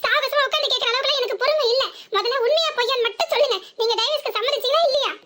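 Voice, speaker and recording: Hurt young wife in a cartoon, played by a woman, very high and fast, southern tamil accent. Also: heavy background noise. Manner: emotional, reproachful. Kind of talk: cartoon voice acting.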